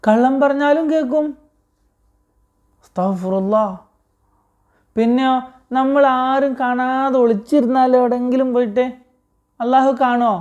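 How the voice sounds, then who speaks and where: A woman teaching a religious story to children, patient and slow, asking them questions and repeating the answers. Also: high voice, a little mellow, muffled recording.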